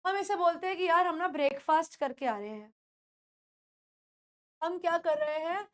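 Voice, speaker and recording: A woman with an Indian accent teaching spoken English pronunciation, repeating words slowly and quizzing her students. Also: extremely high pitch. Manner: drills words by repeating them slowly, asks the class questions.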